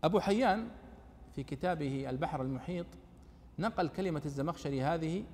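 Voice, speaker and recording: A man's voice: a little high, a little fast, a little mellow, long reverb tail. A man giving a classroom lecture on exegesis, asking and answering his own questions.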